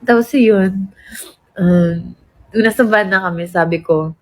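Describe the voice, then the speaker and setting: A woman's voice: medium pitch, a little slow, poor audio. A young woman with a Filipino accent, telling a personal story in a reflective, laughing way, mixing in English. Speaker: pop group member. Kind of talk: casual storytelling.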